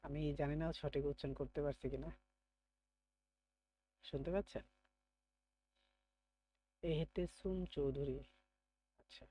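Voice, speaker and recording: A man's voice: on the high side, little pitch movement, brisk, long pauses, warm tone. A man teaching an online beginner German class, calling on students by name, praising them and patiently explaining pronunciation.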